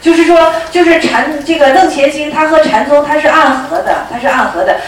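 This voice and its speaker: A woman's voice: high voice, fairly quick, a little hiss or hum. A woman giving a Buddhist lecture who retells old stories and often repeats her phrases. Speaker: Buddhist teacher. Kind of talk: dharma lecture with storytelling. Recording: echoey room, mic far off.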